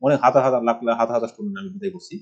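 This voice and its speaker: A middle-aged Bangladeshi computer course instructor teaches a rambling, screen-recorded tutorial from his village home, tossing out rhetorical questions as he goes. He talks very fast in an expressive, medium-pitched voice. The recording is muffled.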